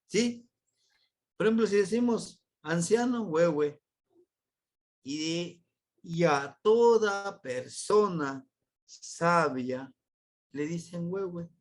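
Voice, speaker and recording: A man's voice: lively intonation, extremely slow, pauses often. A man with a Mexican accent teaching a Nahuatl language lesson in an unscripted, explanatory way, his voice leaping up on key words. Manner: patient, explanatory, voice leaps high on key words.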